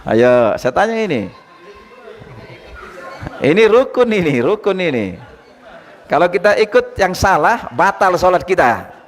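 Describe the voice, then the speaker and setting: A male Islamic teacher giving a lively study lecture, quizzing his listeners and retelling anecdotes. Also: high voice, measured pace, long pauses. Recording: long hall reverb.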